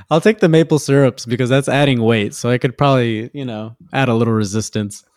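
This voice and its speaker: A man appears as a podcast guest and talks at an ordinary, middling pitch. He rambles in a loose way, stopping and restarting his thoughts. The recording is close and dry. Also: normal speed, a little mellow, dry recording. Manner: loose and rambling, many fillers and restarts, laughs easily. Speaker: guest, tattoo artist. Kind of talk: casual interview chat.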